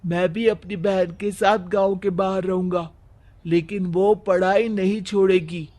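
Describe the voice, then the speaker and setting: A man's voice: high voice, steady tone, measured pace, dark tone. A man playing a determined young village brother in a cartoon, speaking emphatically.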